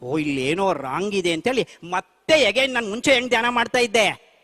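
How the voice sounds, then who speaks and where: A man's voice: high-pitched, moderate pace, bright, forceful tone. A middle-aged man gives a spiritual talk on meditation. He asks his audience questions and then answers them himself. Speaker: meditation teacher. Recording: long hall reverb.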